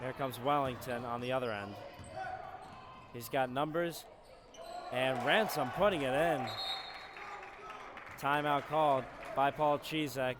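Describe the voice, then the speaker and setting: A man calling live college basketball play-by-play from an arena skybox, breaking into shouts on big plays. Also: mid-range voice, a little slow, long pauses. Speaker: play-by-play commentator. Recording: noisy arena broadcast.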